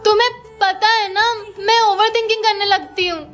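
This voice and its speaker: Young woman, very high voice, playful skit acting, music behind. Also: fairly even intonation, normal speed. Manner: playful, switches between characters. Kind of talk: comedy skit role-play. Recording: background music.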